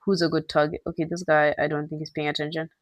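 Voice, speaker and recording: A male gaming channel host giving excitable, slangy live gameplay commentary with quick outbursts. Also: on the high side, no echo.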